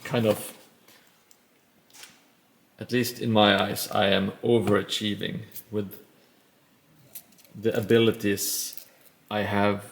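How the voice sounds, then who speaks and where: A little hiss or hum sits under this Norwegian streamer's lowish, fry-tinged voice as he chats while building. He rambles, jokes at his own expense, and pauses often.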